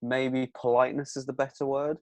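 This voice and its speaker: A man's voice: mid-range voice, level tone, brisk, a little mellow, no echo. A young British man with a British accent, co-hosting a podcast in casual chat, telling stories and swearing freely. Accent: British English. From Britain. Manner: storytelling, swears casually, acts out quotes. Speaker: podcast co-host.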